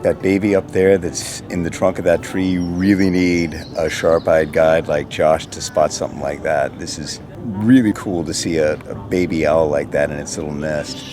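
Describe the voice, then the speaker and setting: Male tourist, low voice, unscripted casual talk to camera, music clearly behind. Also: steady tone, moderate pace. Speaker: tour participant giving impressions. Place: outdoors.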